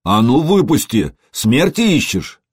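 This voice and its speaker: A man voicing a hot-headed young male retainer who shouts in shrill outrage. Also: very animated, unhurried, slightly rough, no room sound, clean studio sound. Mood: outraged.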